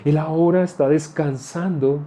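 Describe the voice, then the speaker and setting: A preacher putting on a soft, hushed consoler. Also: male voice, fairly high pitch, steady tone, normal speed, voice pushed up, natural voice. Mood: soothing. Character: gentle consoler soothing a grieving mother.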